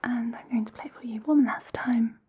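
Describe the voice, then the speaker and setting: Female ASMR whisperer, gentle, reassuring, fairly high pitch, very close mic. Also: fairly even intonation, husky, muffled recording. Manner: soft, slow, reassuring instructions. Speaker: ASMR roleplay hearing examiner.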